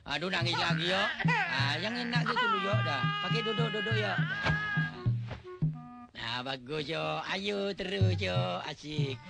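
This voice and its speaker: Casting: gravelly, lively-voiced comic man, panicky babysitter, loud music under him. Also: high voice, a little slow, full character voice. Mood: flustered. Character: bumbling comic man babysitting a crying baby. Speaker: comic lead, former hotel manager turned painter. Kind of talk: slapstick film comedy acting. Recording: film soundtrack with loud music.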